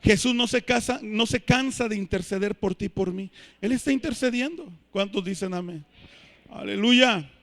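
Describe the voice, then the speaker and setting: High, bright-voiced preacher. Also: male voice, normal speed. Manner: emphatic, swelling to shouts. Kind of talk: sermon. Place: church. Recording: reverberant church hall.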